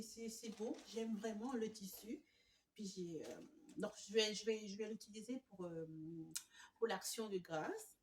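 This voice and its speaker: A woman, gushing excitedly through a casual home decor haul with many fillers. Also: medium pitch, slight background noise. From Canada. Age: 20s. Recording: echoey room, mic at a distance.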